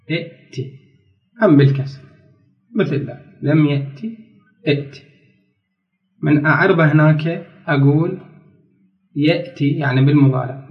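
Iraqi male grammar teacher, patient and methodical, reads rules slowly aloud, roomy distant recording. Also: on the high side, muffled recording. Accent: Iraqi Arabic. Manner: explains step by step, checks if students follow; reads rules from a book slowly, then explains. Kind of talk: classroom grammar lesson.

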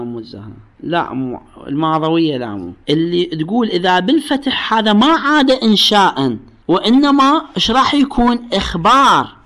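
Gravelly Iraqi man teaching religious law. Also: on the high side, a bit bright. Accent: Iraqi Arabic. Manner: explains patiently, repeats phrases, quizzes students. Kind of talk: classroom lecture on jurisprudence.

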